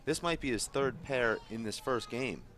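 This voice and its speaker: A man commentating on a handball match, offering measured, informative background on the players. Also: medium pitch, a bit bright. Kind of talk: live sports commentary. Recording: noisy live event broadcast.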